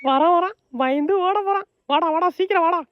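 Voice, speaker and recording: A woman's voice: very high voice, brisk, muffled recording, very noisy. A woman playing a touchy, bossy female ghost who scolds people in a comedy skit. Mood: sulky.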